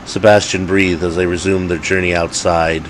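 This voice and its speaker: A man narrating an original werewolf tale in a measured, dramatic manner. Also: sits low, level tone, slight background noise, poor audio. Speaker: storyteller. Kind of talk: scripted story narration. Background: faint background music.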